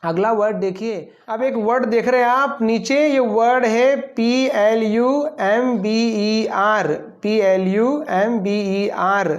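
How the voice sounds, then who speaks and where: A male English teacher giving a class lesson. He poses each question and answers it himself, with playful asides between the words. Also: high voice. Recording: dull lo-fi recording.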